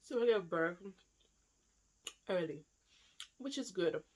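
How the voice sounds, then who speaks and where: A woman's voice: fairly low pitch, lively intonation, takes it slowly. A young woman from London with a London accent, telling a personal story to camera in a chatty, rambling way full of fillers. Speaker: vlogger.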